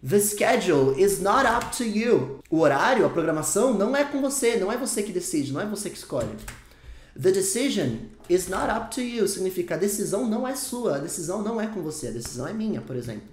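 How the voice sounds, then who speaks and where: A man's voice: high-pitched, big pitch swings, fast, a little mellow, echoey room, slight background noise. A man with a Brazilian Portuguese accent teaching an English lesson, emphatic and repeating each point in new words. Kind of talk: explanatory online lesson.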